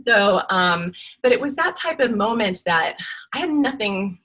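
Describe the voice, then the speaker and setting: Smoky-voiced woman with a smoker's rasp. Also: medium pitch, big pitch swings, unhurried, fairly bright tone. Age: 40s. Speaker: podcast interview guest. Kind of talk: candid personal storytelling in conversation.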